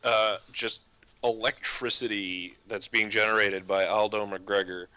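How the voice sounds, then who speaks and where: Lower-voiced man arguing his point. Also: bright, forceful tone, clean tone, no room sound. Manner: argumentative, hedging with fillers, swearing. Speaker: podcast co-host. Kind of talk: casual sports chat.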